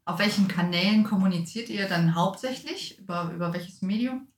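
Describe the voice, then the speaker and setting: A woman's voice: mid-range voice, normal speed, slight background noise. A woman hosting her podcast, asking her young guests guiding questions. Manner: friendly, asks guiding questions. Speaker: podcast host. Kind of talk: moderating a podcast conversation. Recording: echoey room with faint music.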